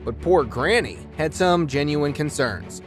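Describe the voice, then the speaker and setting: Animated, high-pitched man doing scolding commentary. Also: measured pace, faint music behind. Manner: exclamatory, scolding asides to those discussed. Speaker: video narrator. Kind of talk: dramatized commentary over court show clips.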